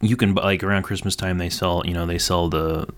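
A man's voice: deep voice, fairly even intonation, a little fast. A man co-hosting a casual podcast, talking hesitantly with lots of fillers and restarts. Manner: hesitant, filler-heavy, self-deprecating. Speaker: podcast co-host. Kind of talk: casual chat.

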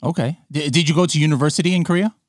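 A man's voice: on the high side, very fast, no echo, clean studio sound. A man hosting a podcast, chatty and upbeat, joking about himself with many fillers. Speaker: podcast host. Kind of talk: casual interview chat.

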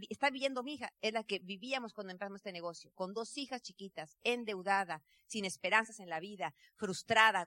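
A woman in her fifties telling a lively personal story in a motivational seminar talk, acting out the voices of the people she quotes. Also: high-pitched, no echo, clean studio sound. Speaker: business seminar speaker.

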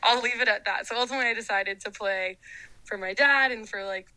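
A woman's voice: on the high side, quick pace, sharp tone, no echo, low-quality recording. A young woman, a college athlete, talking casually and reflectively in an interview, with lots of fillers. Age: young adult. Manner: reflective, chatty, many fillers.

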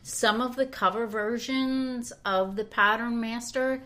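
A woman's voice: a little high, fairly even intonation, unhurried, sharp tone. A woman co-hosting a podcast, discussing a novel casually and hedging often with "sort of". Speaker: podcast co-host.

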